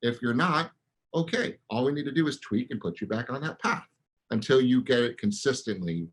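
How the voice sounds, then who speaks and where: Male podcast coach, husky mid-pitched voice, punchy and blunt, rapid-fire questions. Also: lively intonation, poor audio. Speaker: podcast co-host, real estate coach.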